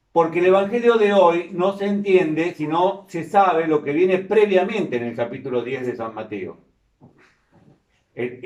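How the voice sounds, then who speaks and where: A priest speaks slowly and deliberately, in a slightly high voice. He sounds set back from the microphone, and his words ring through a big cathedral echo in a large church. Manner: measured, careful, explanatory. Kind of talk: liturgical reading and homily. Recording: echoey church from a distance.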